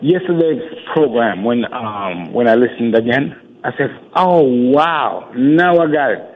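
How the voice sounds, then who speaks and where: A man calling in to a radio show, talking haltingly and stumbling over his words, his voice coming through an echoey, reverb-heavy line. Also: medium pitch, animated. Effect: echoey phone line with heavy reverb, like an echo chamber. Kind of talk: phone-in call.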